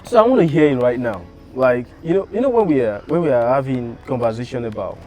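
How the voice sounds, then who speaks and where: A talkative man with a Nigerian accent, teasing and joking in easy conversation. His pitch swings widely as he talks, and music plays clearly behind him. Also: animated, quick pace, darkish tone. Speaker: partner in a long-distance couple. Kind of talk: casual chat.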